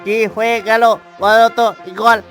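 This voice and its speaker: A man's voice: very high-pitched, level tone, normal speed, a bit bright, soft background music. A man voicing a father duck who speaks steadily while searching for his lost duckling. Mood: worried.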